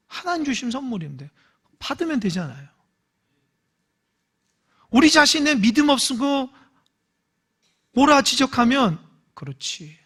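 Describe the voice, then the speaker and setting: Lively high-pitched preaching man. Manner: emphatic preaching, swinging from loud calls to hushed asides; acts out quoted voices in dialogue. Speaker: pastor. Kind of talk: Sunday morning sermon.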